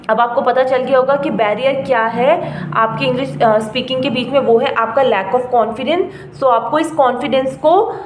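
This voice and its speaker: A young woman giving a casual spoken-English lesson, chatty and encouraging, often checking in with her listeners. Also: sits high. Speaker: English-speaking coach. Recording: echoey room with faint ambient noise.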